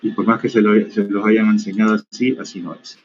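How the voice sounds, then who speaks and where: A man's voice: on the low side, flat delivery, brisk, darkish tone, slight background noise. A man giving an online medical lecture in a stern, corrective teaching manner, answering student questions. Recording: dull lo-fi call audio.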